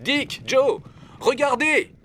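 A man's voice: high-pitched, sing-song, moderate pace, sharp tone, a little hiss or hum, voice pushed up, full character voice. A man voicing a decisive male doctor leading an expedition, giving urgent orders, in a storybook reading. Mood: commanding.

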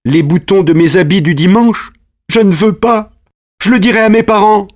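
A man doing a high, tearful boy denying he's a traitor. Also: moderate pace, lightly acted. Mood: tearful protest. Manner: high pleading whine. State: crying, trembling. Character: frightened boy accused of treachery. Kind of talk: audiobook character voice.

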